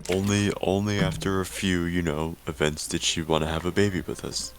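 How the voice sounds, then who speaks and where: A young man in a let's-play chat, delivering dry, deadpan jokes. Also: deep voice, brisk, slight background noise. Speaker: guest player. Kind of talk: casual let's-play banter.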